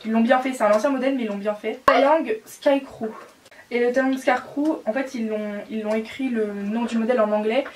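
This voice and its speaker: A woman's voice: fairly high pitch, steady tone, fairly quick, a little hiss or hum. Chatty young woman, slightly off-mic. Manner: chatty, hesitant with fillers. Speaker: doll collector channel host. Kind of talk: casual chat. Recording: distant from the mic.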